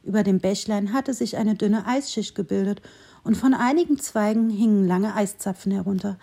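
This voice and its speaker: A woman reading a children's Christmas story aloud in a calm, gentle way. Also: medium pitch, moderate pace, creaky, breathy edge.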